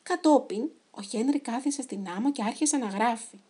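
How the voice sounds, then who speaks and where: A woman reading a children's story aloud in an expressive, animated way. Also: fairly high pitch, breathy edge.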